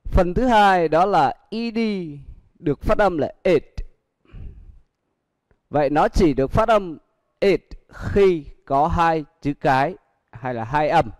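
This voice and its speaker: A man's voice: on the high side, animated, takes it slowly, darkish tone, no echo. A male teacher with a Vietnamese accent giving a livestream pronunciation lesson. He repeats each example word several times. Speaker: English teacher.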